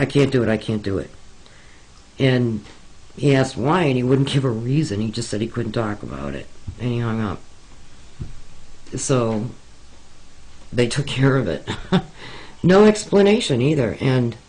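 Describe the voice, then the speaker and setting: A man in an interview, telling his own story slowly and haltingly. He fills the gaps with frequent ums and uhs, and speaks in an earnest, confiding way at an unhurried, dragging pace in a mid-range voice. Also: mid-range voice, a little mellow, rough recording. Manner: hesitant, many pauses and fillers. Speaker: interviewee recounting experiences. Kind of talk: slow, halting personal account.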